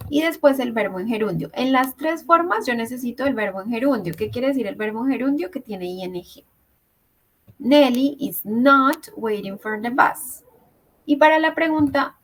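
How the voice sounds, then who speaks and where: A woman's voice: fairly high pitch, poor audio. A woman teaching English grammar in an online class, explaining step by step and checking in with her students. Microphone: video call.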